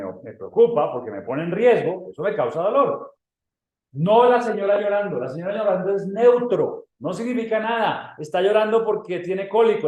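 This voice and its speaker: Mexican guy coaching a class, fairly high voice, keeps repeating stuff for emphasis, roomy echo. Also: darkish tone. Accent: Mexican Spanish. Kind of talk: in-person coaching lecture. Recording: echoey room.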